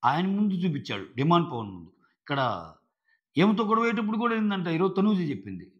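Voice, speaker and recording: A man's voice: sits high, very animated, quick pace, muffled recording. A man reviewing a reality show episode, talking emphatically and arguing his points with rhetorical questions.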